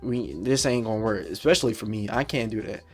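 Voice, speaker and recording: A man's voice: fairly low pitch, brisk, faint music behind. Blunt, profane young man ranting. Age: 20s. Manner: blunt, profane, slangy, repetitive. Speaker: podcast host. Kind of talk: casual solo podcast rant.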